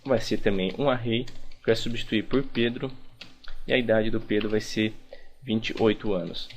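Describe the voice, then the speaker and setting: A man's voice: on the low side, normal speed, slight background noise. A young man teaching a programming lesson over a screen recording, talking casually and thinking aloud with frequent restarts. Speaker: programming instructor.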